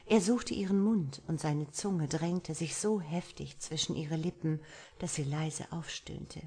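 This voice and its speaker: A woman narrating a romance novel as an audiobook, reading softly and intimately, at times sinking into a whisper. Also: low voice, unhurried, slightly rough.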